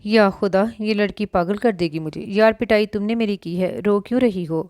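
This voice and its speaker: A woman's voice: medium pitch, a little mellow, no room sound, clean studio sound, lightly acted. A woman reading the lines of a blunt, exasperated thirty-three-year-old husband in an audio novel.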